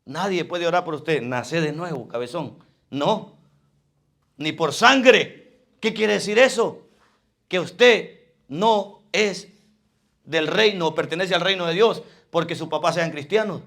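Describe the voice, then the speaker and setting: Fervent male preacher, high gravelly voice, alternates loud emphasis with quiet asides. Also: takes it slowly, pauses often. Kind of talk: sermon.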